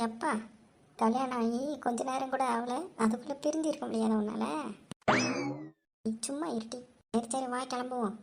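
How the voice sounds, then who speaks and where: A woman voicing chatty young village women in a cartoon, with lively gossipy banter. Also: on the high side, moderate pace, long pauses, noisy background, natural voice. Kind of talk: cartoon voice acting. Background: background music.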